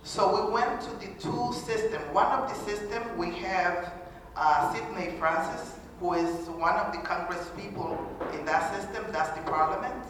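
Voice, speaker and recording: Speaking on a panel in an echoey hall, this woman from Honduras, a native Garifuna speaker, has a lowish, slightly bright voice with a little background noise. Her formal talk is earnest yet halting, full of pauses and restarts, captured from a distance with faint ambience.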